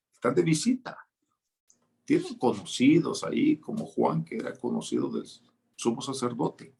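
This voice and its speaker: A man's voice: mid-range voice, vocal fry, breathy edge. A man preaching a sermon as a pastor, teaching in a conversational way with light jokes.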